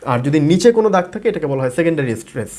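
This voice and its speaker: A man's voice: on the high side, animated, very fast, a little mellow. A man from Bangladesh, a native Bengali speaker, teaching English pronunciation in a video lesson, repeating and modeling words with frequent fillers.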